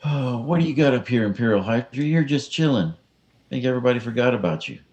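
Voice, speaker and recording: A man's voice: mid-range voice, lively intonation, fast talker, a little mellow, muffled recording. A man playing a tabletop miniatures game, calling out his moves in casual chat and joking to his pieces.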